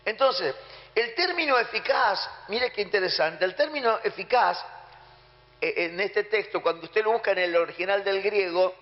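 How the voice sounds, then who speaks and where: A pastor with a high voice and an Argentine Spanish accent preaches emphatically at a normal pace in a church hall, acting out the prayers and orders he describes. The sound is muffled and reverberant from the hall.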